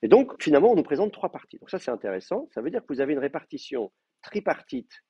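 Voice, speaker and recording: A man's voice: a little high, sing-song, fast talker, husky. A man giving a classroom lecture, explaining step by step with many hesitations and checking in with his students. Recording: dull lo-fi classroom recording.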